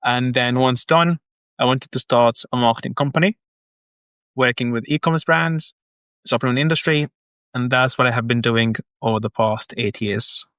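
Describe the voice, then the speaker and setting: A man's voice: medium pitch, normal speed, a bit bright, no echo. A man from Egypt in his thirties, a guest on a business podcast, explaining his work earnestly step by step. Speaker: guest, marketing agency founder. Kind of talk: casual podcast interview.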